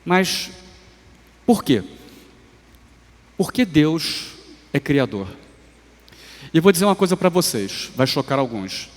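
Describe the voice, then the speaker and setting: Man, Brazilian Portuguese accent, preacher, very slow deliberate sermon, emphatic swells and soft drops, long reverb of a church hall. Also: on the high side, sing-song. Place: church sanctuary.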